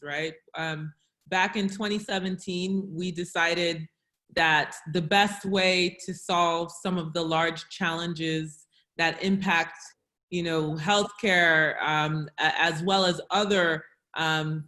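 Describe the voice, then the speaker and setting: A woman's voice: lowish voice, takes it slowly. A woman, an entrepreneur speaking as a guest in a webinar conversation, leaning on fillers like you know. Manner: flat, filler-heavy, says you know. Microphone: video call.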